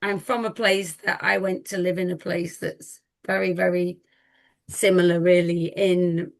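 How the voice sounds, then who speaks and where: A woman's voice: fairly low pitch, level tone, unhurried, gravelly. Chatty woman on a video call. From Liverpool, England. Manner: chatty, restarts and repeats herself while telling an anecdote. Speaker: guest. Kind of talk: casual group video chat.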